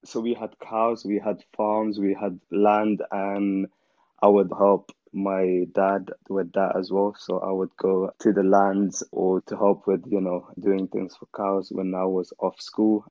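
Speaking a little slowly in a low-sitting voice, this young Afghan man chats as an interview guest, relating his story in a relaxed way peppered with "you know". The sound is dull, dry lo-fi with no echo.

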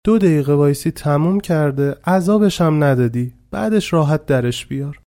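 A detached ambulance medic in a spoken story states grim facts in a flat, clinical way, as a male narrator voices him. His tone is warm and dark-toned. He sounds matter-of-fact. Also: on the high side, natural voice.

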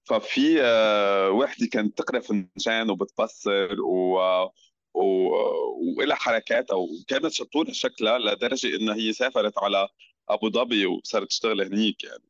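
A man's voice: lowish voice, fairly quick, dry recording, muffled recording. A man with a Levantine Arabic accent chatting casually as a guest, searching for words and mixing in some English. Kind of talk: casual chat.

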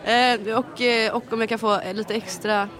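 A woman's voice: fairly high pitch, flat delivery. Hesitant woman ordering, crowd behind. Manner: hesitant, giggly. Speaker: podcast co-host. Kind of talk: improvised comedy sketch.

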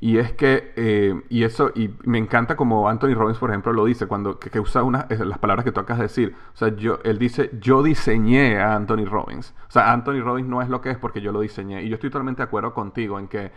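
A man's voice: mid-range voice, fast talker, hardly any pauses. Emphatic male podcast host. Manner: emphatic, repetitive, animated storytelling. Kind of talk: casual interview conversation.

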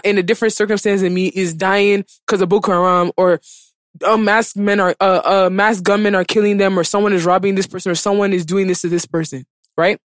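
A woman's voice: mid-range voice, dry recording. Emphatic woman podcaster, close dry sound. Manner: emphatic, repeats phrases for stress. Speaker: podcast host. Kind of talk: impassioned casual podcast talk.

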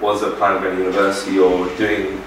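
A young Australian man with a low voice hosts a casual chat, swearing freely and chiming in with constant yeahs. He sounds a step away from the microphone in a very echoey room with a faint hiss behind him. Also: monotone, fairly bright tone. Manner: chatty, swears freely, many quick agreements. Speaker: podcast host. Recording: echoey room, distant mic.

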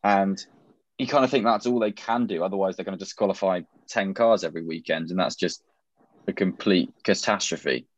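Low-voiced guy chatting, opinionated, lots of ums, dead dry lo-fi audio. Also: brisk, no room sound. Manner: opinionated, wry, um-heavy. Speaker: podcast co-host. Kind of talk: casual chat. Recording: dry, dull lo-fi sound.

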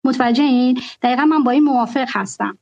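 A woman guest in a discussion, stating her views earnestly and in a measured way, and repeating her points. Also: high voice, vocal fry, darkish tone, dull audio. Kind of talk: discussion with a host.

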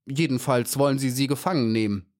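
A man's voice: medium pitch, brisk, darkish tone, voice pushed up, close to an everyday voice. A man reading aloud, voicing a little young female bee who speaks timidly yet firmly.

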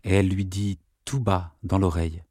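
A man reading a novel aloud, restrained and low. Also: flat delivery, moderate pace, darkish tone, no room sound, clean studio sound. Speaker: reader. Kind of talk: audiobook narration.

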